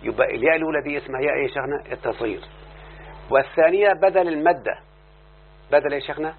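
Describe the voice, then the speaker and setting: A man's voice: mid-range voice, very fast, gravelly. A man with an Egyptian Arabic accent leads a classroom lesson, firing questions at his listeners and waiting for their replies. The recording is thin and phone-like, with a faint hum running underneath. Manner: keeps quizzing listeners for answers. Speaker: teacher.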